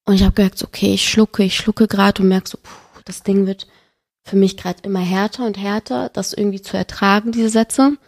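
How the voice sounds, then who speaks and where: A woman's voice: medium pitch, normal speed, gravelly. A young adult woman, a podcast guest, telling a painful personal story with feeling in a casual chat. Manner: emotional, animated storytelling.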